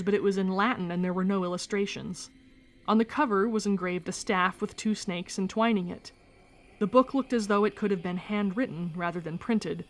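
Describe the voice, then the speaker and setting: A woman reading a first-person memoir aloud in a steady, measured storytelling manner. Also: medium pitch. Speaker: narrator.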